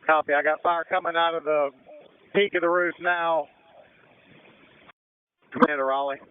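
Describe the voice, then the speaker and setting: Male incident commander, high clean voice, brisk directive radio orders, narrow-band transmission. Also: steady tone. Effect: two-way radio. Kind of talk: emergency radio dispatch commands.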